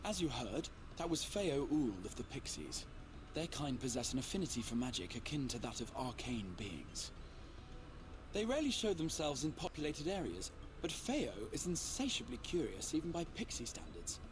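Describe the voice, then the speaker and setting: A man playing a learned, gentle guide in a fantasy video game, speaking formally and courteously. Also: mid-range voice, very animated, background noise, lightly acted. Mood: kindly. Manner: formal, measured, storyteller-like.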